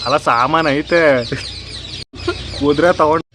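On a noisy recorded phone line, a man speaks a little slowly in a slightly high voice, with a rural southern Karnataka Kannada accent. He's pulling a prank, badgering the listener in a casual, persistent way while pretending to be earnest.

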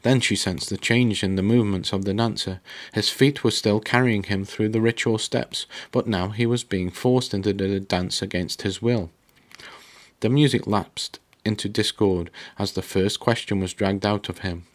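A man narrating a novel aloud in a steady, dramatic reading with small slips. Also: fairly low pitch, moderate pace. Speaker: book reader. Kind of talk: audiobook narration.

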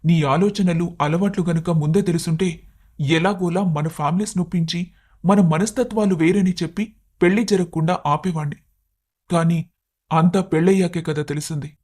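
A fairly high male voice for a cartoon young husband, played by a man, patient but hurt. He reasons and pleads with his wife in an earnest, strained tone. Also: steady tone, moderate pace, darkish tone, close to an everyday voice. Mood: pleading. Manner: pleading, reasoning, sometimes angry. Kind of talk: animated cartoon story voice acting.

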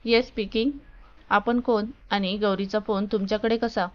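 An easygoing young man answering a call, as a woman reads him, casual and friendly. Her tone is clear and smooth over a dull, lo-fi recording. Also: medium pitch, fairly even intonation, normal speed, lightly acted.

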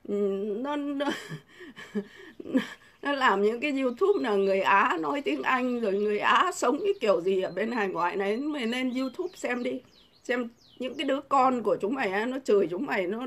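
A middle-aged woman, delivering a combative, insulting vlog rant full of rhetorical questions. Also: a little high. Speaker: vlogger. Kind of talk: angry political rant to camera.

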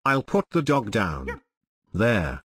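A man's voice: lowish voice, big pitch swings, slow pace, a bit bright, husky, no room sound, studio quality. A man giving crude, brash comedic commentary while playing a video game. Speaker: gameplay commentator.

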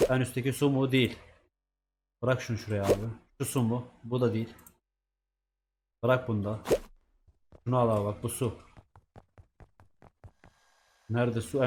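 A man's voice: mid-range voice, fairly even intonation, a little fast, long pauses, noisy background. A man giving casual let's-play commentary, chatting to himself and swearing at the game's characters. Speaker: gaming YouTuber.

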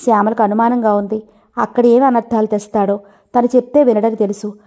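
A woman's voice: fairly high pitch, little pitch movement, a little fast, dark tone. A woman narrating an old family novel as an audiobook, telling the story steadily and speaking every character in her own voice.

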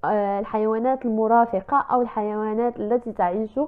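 A woman teaching French vocabulary, saying each French word slowly several times and explaining it in quicker speech in between. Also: fairly high pitch, fairly even intonation. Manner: slow, carefully repeated French words between quicker Arabic explanations. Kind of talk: language lesson. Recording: tinny phone-like sound.

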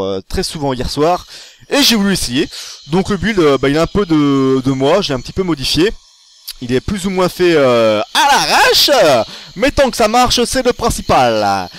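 Excitable man with a lively high voice. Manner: chatty and excitable, with fillers and self-corrections. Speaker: gaming tutorial host. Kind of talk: casual tutorial commentary over his own game.

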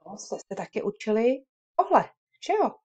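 A woman teaching English words to children in a lively, encouraging way, drilling them loud, soft, fast and slow. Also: on the high side, breathy edge. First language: Czech. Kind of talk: children's lesson video with repetition drills.

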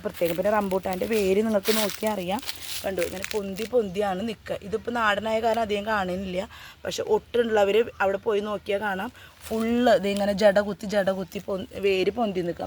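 A woman's voice: medium pitch, darkish tone, a little hiss or hum. A woman vlogging in her home garden outdoors, giving casual how-to advice in an earnest way. She repeats her warnings and adds friendly tag questions.

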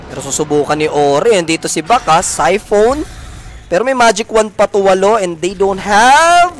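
A man casting an esports match, calling plays fast and excitedly in a mix of Tagalog and English. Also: high voice, faint music behind. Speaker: play-by-play caster.

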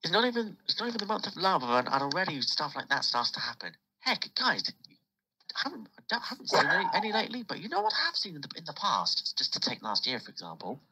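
A man's voice: a little high, wildly swooping pitch, fast, sharp tone, slight background noise, low-quality recording. A British man in his late teens hosting a casual podcast chat, rambling and restarting as he tells stories. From United Kingdom. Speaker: podcast host.

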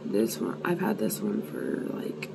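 In a casual vlog, a tired woman in her twenties talks to the camera partly outside in the cold and partly indoors at home, rambling candidly, putting herself down and swearing now and then. Her lowish, creaky voice swings hugely in pitch at a slightly slow pace, and the audio is very noisy.

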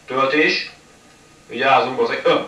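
Cursing gamer with an echoey, distant sound. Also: male voice, mid-range voice, sharp tone, lo-fi sound. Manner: swears constantly, frustrated outbursts. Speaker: gamer commentating a playthrough. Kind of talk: live gameplay commentary. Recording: echoey room, mic far off, faint noise.

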